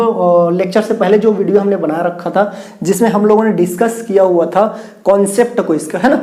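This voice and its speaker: A man teaches a grammar lesson at a board. His voice is mellow and dark, and he keeps repeating points, asking questions and then answering them himself. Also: high-pitched. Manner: repetitive, asks and answers own questions. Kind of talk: whiteboard lecture with mnemonics.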